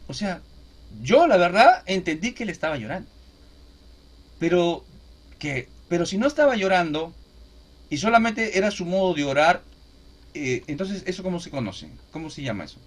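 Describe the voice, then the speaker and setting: A man's voice: high-pitched, moderate pace, pauses often. A man preaching a teaching sermon, often asking his listeners if they follow. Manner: animated, asks listeners "¿no?" and "¿de acuerdo?" often.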